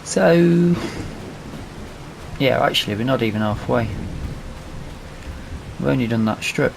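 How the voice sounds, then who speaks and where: A British gaming video host gives loose, unscripted let's play commentary, thinking aloud while he plays a farming game, with vehicle and ambient game sounds behind him. His creaky voice is medium-pitched and slow but lively in intonation, set against a noisy background.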